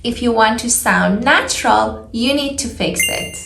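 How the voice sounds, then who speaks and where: A woman teaching English pronunciation in a scripted lesson, modeling speech in short, deliberate, exaggerated phrases. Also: on the high side, gravelly, fairly bright tone, echoey room.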